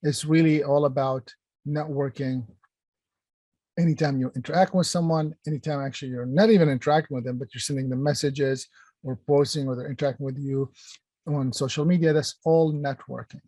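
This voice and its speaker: A man's voice: on the high side, steady tone, a little fast, warm tone, no room sound. A middle-aged man from Palestine, raised in Kuwait, presents an online workshop in a conversational manner, with many fillers and restarts while he addresses the chat. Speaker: workshop presenter, company founder.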